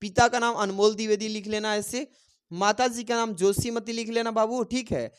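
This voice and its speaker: A man's voice: high-pitched, fairly even intonation, normal speed, clean tone. A man tutoring students for a Hindi exam. He asks a question, answers it himself and repeats the key answers so they can be written down. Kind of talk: exam-prep teaching.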